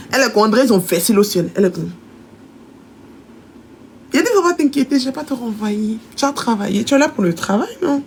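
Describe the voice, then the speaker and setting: A woman, a shop owner, telling a story in a casual, animated way and acting out the voices of the people in it. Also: mid-range voice, slight background noise. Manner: animated, acts out quoted voices of her employees.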